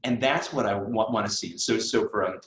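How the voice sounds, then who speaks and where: A man's voice: fairly low pitch, fairly quick, a bit bright. A middle-aged man teaching a live online test prep class in a conversational way, with fillers and asides. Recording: roomy echo.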